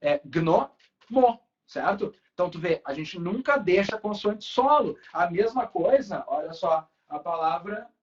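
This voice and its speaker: A man's voice: sits high, expressive, moderate pace, hardly any pauses. A man, teaching a Portuguese class in a casual way and checking in with students often. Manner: casual, talks to students with frequent tag questions. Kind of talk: online class lecture. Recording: dull lo-fi recording.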